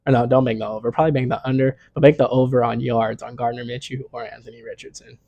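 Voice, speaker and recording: A man's voice: medium pitch, fairly even intonation, fast, gravelly, dark tone, dry recording, lo-fi sound. A young man hosting a casual sports picks vlog, talking in a laid-back, slangy way full of "you know what I'm saying".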